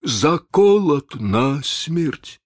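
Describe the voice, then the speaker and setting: A man voicing a frightened pirate sailor who talks slowly and hollowly. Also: a little high, big pitch swings, dry recording, studio quality, pitched above the performer's own voice, full character voice. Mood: dread. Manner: slow, hollow, dread-filled.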